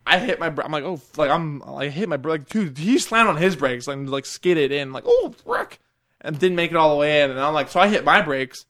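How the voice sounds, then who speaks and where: A young man telling a rambling, animated story in casual chat, swearing freely and laughing through it. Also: a little high, a little fast, hardly any pauses.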